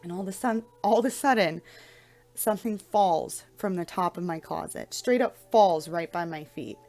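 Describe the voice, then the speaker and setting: A young adult woman speaks in a soft-spoken, somewhat low voice, often repeating words as she restarts her thoughts. She talks casually about spiritual matters, as if to viewers of her vlog. Soft music plays faintly behind her. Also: normal speed. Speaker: spiritual vlogger. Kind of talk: casual spiritual talk to camera.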